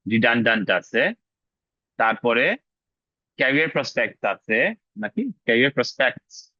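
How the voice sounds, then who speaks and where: Man teaching English pronunciation, bright voice. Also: medium pitch, big pitch swings, no room sound, lo-fi sound. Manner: drills pronunciation, repeats words slowly; mixes English words into casual teaching talk. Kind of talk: online class lesson.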